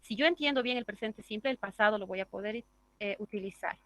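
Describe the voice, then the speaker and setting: A woman's voice: mid-range voice, fast talker, a bit bright, dry recording. A woman teaching an English grammar class, explaining step by step and checking in with the class through tag questions. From Bolivia.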